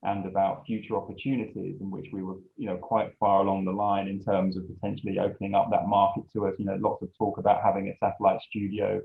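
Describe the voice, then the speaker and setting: A man, a design studio principal, speaking haltingly with many restarts in a panel discussion. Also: sits low, flat delivery, vocal fry. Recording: tinny phone-like line.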